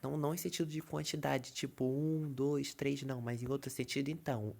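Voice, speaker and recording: Gravelly man teaching English. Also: medium pitch, steady tone, a little mellow. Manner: repeats filler checks like "tá" and "entendeu", explains slowly. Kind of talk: casual online lesson.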